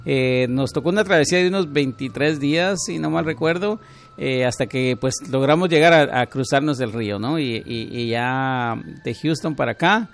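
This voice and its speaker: A man's voice: mid-range voice, normal speed, gravelly. A middle-aged man from Guatemala, a car salesman and radio guest, telling his story in a friendly way. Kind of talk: casual interview chat.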